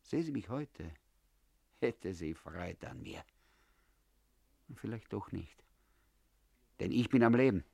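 A man's voice: on the low side, expressive, slow, gravelly, long pauses, mellow, dry recording. A man reading a first-person story aloud in a confiding tone, as if talking to an old comrade. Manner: confiding, addressing the listener as comrade. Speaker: audiobook narrator. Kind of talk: first-person literary narration.

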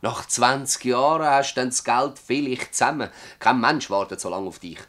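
Lightly acted at normal speed, this male performer with a mid-range, slightly bright voice plays a stubborn, bitter old farmer from a village in a Swiss German dialect radio play. He rambles with emphasis and rhetorical repetition, in an earnest, emphatic mood.

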